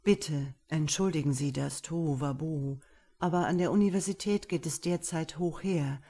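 A woman's voice: low-pitched, normal speed, warm tone, slightly rough. A woman reading an audiobook, voicing a courteous, formal male academic who welcomes guests. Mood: polite.

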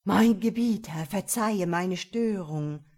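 A scheming dark magician, bowing before his master yet loud and slow when he cries out his spells, as a woman plays him. His voice carries the fawning respect of an apprentice in a fantasy read-aloud. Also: mid-range voice. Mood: deferential. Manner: deferential, scheming.

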